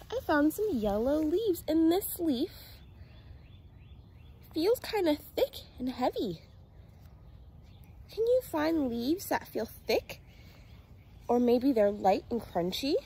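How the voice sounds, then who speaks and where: In a residential yard, a woman in her twenties speaks to young children like a teacher on a nature walk, using simple sing-song phrases and questions. Her high, dark-toned voice moves slowly with long pauses, recorded on a phone held at arm's length with slight background noise.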